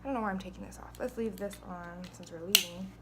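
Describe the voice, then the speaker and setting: A woman's voice: mid-range voice, steady tone, fast talker, a little hiss or hum. A woman vlogger chatting casually and informally, rambling along and questioning herself as she talks. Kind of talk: casual chat to camera.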